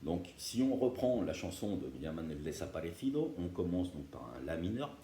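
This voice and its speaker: A man's voice: deep voice, big pitch swings, normal speed, a little hiss or hum. A man teaching beginners guitar step by step, patient and often checking that viewers follow. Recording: roomy room with loud guitar playing.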